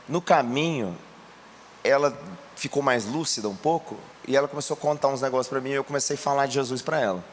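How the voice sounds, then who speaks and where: A Brazilian man preaching a sermon, telling a testimony in a colloquial way and rising to shouts. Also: medium pitch, quick pace, slight background noise. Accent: Brazilian Portuguese. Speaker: pastor.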